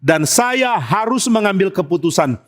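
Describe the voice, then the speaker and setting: A man's voice: high voice, big pitch swings, moderate pace. A man preaching a sermon as pastor, telling stories with humor and acting out bits of dialogue. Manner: humorous storytelling, acts out dialogue. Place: church sanctuary. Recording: long church hall reverb.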